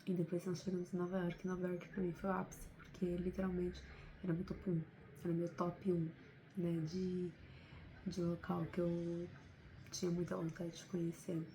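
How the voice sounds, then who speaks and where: A woman's voice: on the low side, completely flat delivery, normal speed, warm tone, slight background noise, rough recording. A woman with a Brazilian Portuguese accent, talking to camera in an unscripted, heartfelt motivational vlog, often adding little tag questions. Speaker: vlogger.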